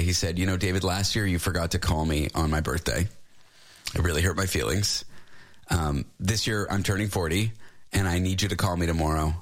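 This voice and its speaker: This is a man in his forties with a slightly low voice who speaks openly and reflectively. He chats in an easy, casual way and weighs his thoughts as he talks. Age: 40s. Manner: candid, reflective and chatty. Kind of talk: casual chat.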